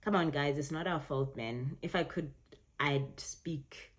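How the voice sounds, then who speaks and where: Brief: young South African woman vlogger, South African accent, low voice, chatty reaction talk. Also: normal speed. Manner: chatty, self-correcting, laughs often. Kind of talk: casual reaction commentary.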